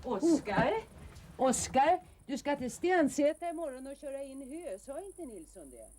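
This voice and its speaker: A pious, practical farmer's wife speaks earnestly and gently scolds. Her voice is high. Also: sing-song. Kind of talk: 1980s film drama.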